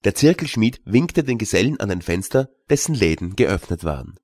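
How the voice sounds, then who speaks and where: A man narrating a classic audiobook tale in a measured storytelling manner, recorded in a studio. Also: lowish voice, sing-song, a little mellow, dry recording. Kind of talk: scripted narration.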